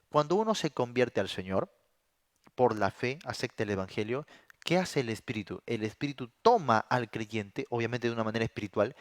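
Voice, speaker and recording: A male pastor teaching from the Bible in a plain, unadorned way, pausing to ask his listeners rhetorical questions. His voice sits at a middle pitch, and the recording is dry and close with little room sound. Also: no echo. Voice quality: says he suffers from a throat condition. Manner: plain explanatory, asks rhetorical questions, frequent "¿no?".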